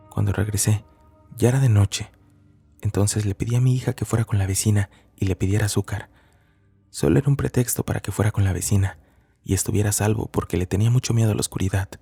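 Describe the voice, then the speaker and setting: Gravelly low-voiced man narrating horror. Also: dark tone.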